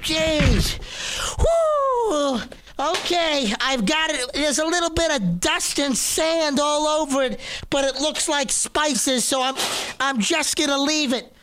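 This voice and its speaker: A man voicing a grumpy, crotchety, excitable old man, exasperated and exclaiming dramatically on a prank call. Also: extremely high pitch, takes it slowly, slight background noise, full character voice. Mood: flustered, exasperated. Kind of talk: prank phone call in character.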